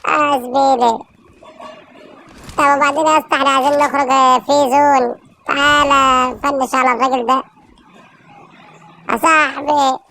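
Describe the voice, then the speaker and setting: Egyptian woman gamer, high and edgy, pumped-up shouted play-by-play. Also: normal speed, long pauses, a little hiss or hum. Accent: Egyptian Arabic. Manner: excited, urging teammates, frequent shouted calls. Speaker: gamer streamer. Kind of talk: live gameplay commentary.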